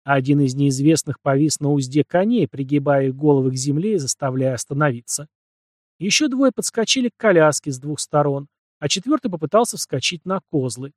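A man narrating an audiobook in a measured, dramatic storytelling manner. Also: fairly high pitch, animated, no room sound, clean studio sound.

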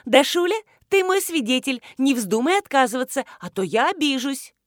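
A woman voicing an excited, insistent household cook planning her wedding. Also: fairly high pitch, a little slow, no echo, studio quality.

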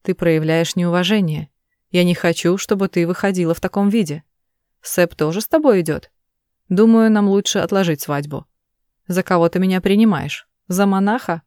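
A woman's voice: fairly low pitch, normal speed, a little mellow, no room sound, natural voice. Woman doing a defensive angry guy who snaps back, dry close sound. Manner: snapping, defensive. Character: angry controlling young man, defensive.

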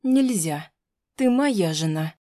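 A woman's voice: fairly low pitch, lively intonation, slow pace, warm tone, no room sound, clean studio sound. A woman reading an audiobook, voicing a controlling, menacing husband who coaxes and threatens. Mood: coaxing, menacing. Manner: smooth, coaxing, then threatening through teeth. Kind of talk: audiobook narration.

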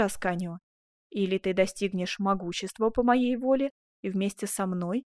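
A woman reads a proud, imperious duchess in a storybook, passionate and vengeful. Her voice swings from soft coaxing murmurs to proud, ringing outbursts, heard close and dry with no room around it. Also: mid-range voice, no room sound, close to an everyday voice. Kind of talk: audiobook reading.

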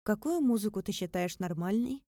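A cold, formal magical gadget that answers in an even, unfeeling tone, as a woman reads its lines. Its voice is mellow and low-key. The recording is dry and close. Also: normal speed, dry recording, natural voice. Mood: deadpan. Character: impassive magical talking phone artifact.

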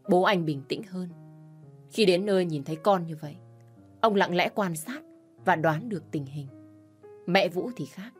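A woman narrating an audio story in a steady, measured way. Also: fairly low pitch.

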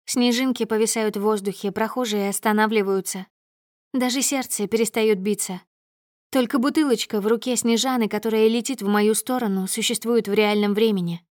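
A woman reading a first-person story aloud in a measured, dramatic storytelling manner. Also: medium pitch, steady tone, a little mellow, no echo, studio quality. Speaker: audiobook narrator. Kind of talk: first-person audiobook narration.

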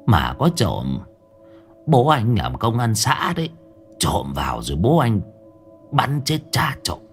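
A man voicing a gruff old grandmother, low and coarse. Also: huge pitch swings, slow pace, faint music behind, full character voice. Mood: scoffing. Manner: coarse, dismissive scolding.

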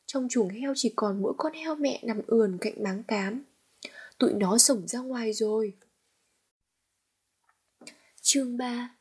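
A woman reading a storybook aloud as an audiobook narrator, in a soft, often whispery delivery. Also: fairly high pitch, husky.

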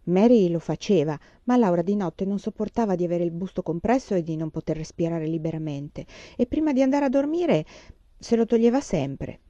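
A woman reading a storybook aloud in a calm, measured narration. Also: fairly low pitch, no echo, highs cut off. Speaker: audiobook reader.

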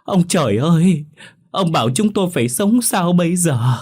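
A man's voice: on the high side, lively intonation, normal speed, darkish tone, voice pushed up. A man voicing a grieving village mother who wails over her dead son in a told ghost story. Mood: wailing grief. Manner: wailing lament.

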